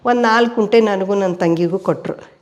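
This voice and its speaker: A woman's voice: medium pitch, moderate pace, highs cut off. An older woman, telling family stories at home as an interviewee. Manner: steady storyteller who voices quoted people. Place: indoors at home.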